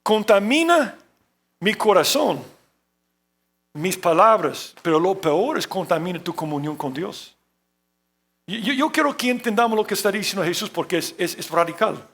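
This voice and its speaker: A man with a notably high voice delivers a sermon from the pulpit. He repeats words as he searches for them and often fills pauses with "eh". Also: big pitch swings, fairly bright tone. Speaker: pastor.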